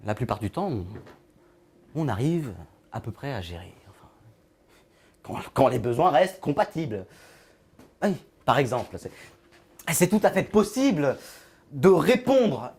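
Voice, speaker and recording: An actor playing an odd, lonely man with an invisible friend, talking in a halting, rambling way that trails off into murmurs. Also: on the high side, big pitch swings, darkish tone, husky, full character voice. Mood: musing. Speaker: actor in a short film monologue. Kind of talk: film monologue.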